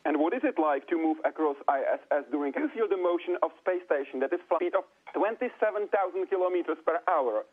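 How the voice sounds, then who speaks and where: Brisk man over a muffled radio line, husky and slightly high. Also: lively intonation. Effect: radio link from the ground. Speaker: interviewer at mission control. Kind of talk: space-to-ground radio call.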